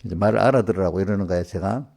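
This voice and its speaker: A pastor with a low-pitched, gravelly, darkish voice speaks rapid-fire in an informal small-group sermon. Addressing the congregants directly, he scolds them with one rhetorical question after another.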